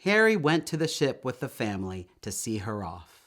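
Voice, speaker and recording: At medium pitch, a man reads aloud from a children's story. He takes on the storybook reader role with deliberate, expressive storytelling.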